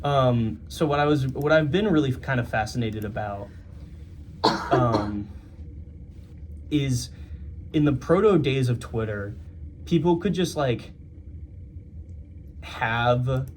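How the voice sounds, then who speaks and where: A man's voice: mid-range voice, slow pace, pauses often, slight background noise. A young man co-hosting a podcast in casual, joking chat. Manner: laid-back, joking. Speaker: podcast co-host.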